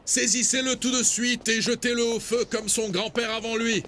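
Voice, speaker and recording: A man voicing a sneering high-voiced official. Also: brisk, a bit bright, faint music behind, close to an everyday voice. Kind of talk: French dub of a historical series.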